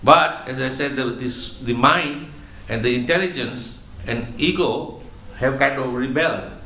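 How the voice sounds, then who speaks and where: With noticeable echo in a roomy space, a spiritual teacher delivers a religious lecture in a medium pitch that sounds pushed and bright. He is measured and explanatory and keeps circling back on his own words.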